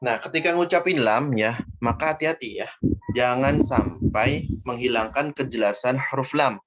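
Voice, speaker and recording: A man's voice: medium pitch, normal speed, background noise. Male recitation teacher, patient step-by-step explainer, slightly muffled online call audio. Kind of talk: online tajwid lesson. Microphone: video call.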